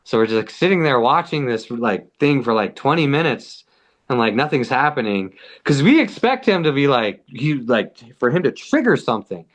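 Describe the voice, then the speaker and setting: Brief: a guy from the border country spinning a casual yarn, mid-pitched, loose and profane. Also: big pitch swings, normal speed, highs cut off. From US–Mexico border region. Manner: loose, slangy, heavy on "like" and swearing. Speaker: podcast guest. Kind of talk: casual storytelling.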